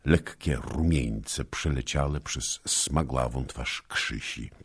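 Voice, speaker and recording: Male audiobook narrator, very deep voice, gravelly and husky, slow, lively intonation. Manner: measured, expressive storytelling. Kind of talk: scripted narration of a historical novel.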